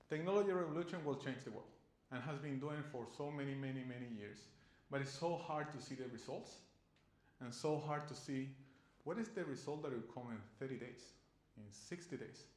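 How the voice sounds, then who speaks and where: A man's voice: mid-range voice, a little mellow. Man presenting in an echoey room. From Chile. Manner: earnest, loose non-native phrasing with restarts. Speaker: conference speaker. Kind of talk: conference presentation. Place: conference room.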